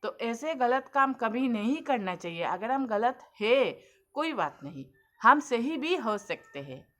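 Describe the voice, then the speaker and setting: Woman vlogger, young adult, earnest and preachy, fairly high voice, casual talk. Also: sing-song, unhurried. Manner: earnest, preachy, addresses viewers as friends. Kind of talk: casual advice monologue.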